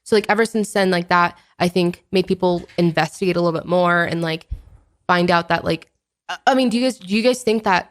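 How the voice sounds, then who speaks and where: A young woman talks quickly in a lowish voice and rambles through her thoughts. Her casual chat is full of fillers and restarts.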